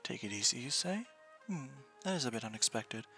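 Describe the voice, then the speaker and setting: Man as a teasing young female scientist, clinical and wordy, lively pitch, bright tone, game dialogue over music. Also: fairly quick. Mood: intrigued. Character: wry, analytical young woman scientist, teasing and curious.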